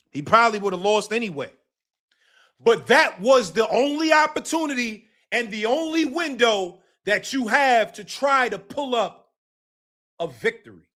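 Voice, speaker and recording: On his live boxing talk stream, this male host keeps things casual but emphatic, going over his points again and again. He swears and suddenly shouts, all in a high voice.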